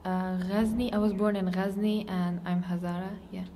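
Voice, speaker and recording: A woman's voice: medium pitch, level tone, moderate pace, mellow, in a large hall, slight background noise. A teenage girl from Afghanistan telling her story in simple learner English, linking her thoughts with "and then". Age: teens. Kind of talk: interview.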